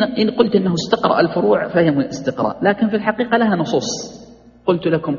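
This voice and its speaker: A man gives a classroom lecture on Islamic jurisprudence. He quizzes his students and corrects their pronunciation in a fairly high voice. The recording sounds dull and carries a long hall reverb.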